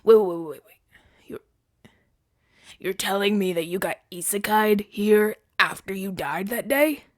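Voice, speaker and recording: In a scripted ASMR audio drama, a woman plays a flustered, self-righteous hero, sounding bewildered as she stammers indignantly in a theatrical, dramatic delivery with breathy whispers. Her voice is natural and mid-range at a measured pace, recorded dry at studio quality.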